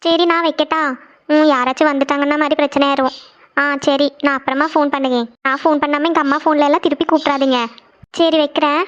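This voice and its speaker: A woman, voicing all the characters of a family cartoon drama in a high, quick voice and switching between them. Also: fairly even intonation, muffled recording.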